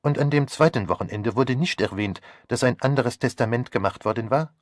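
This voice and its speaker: A man reading an audiobook voices a fastidious elderly male detective who asks polite, measured questions. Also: medium pitch, dry recording, clean studio sound, lightly acted. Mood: probing. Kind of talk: audiobook character voice.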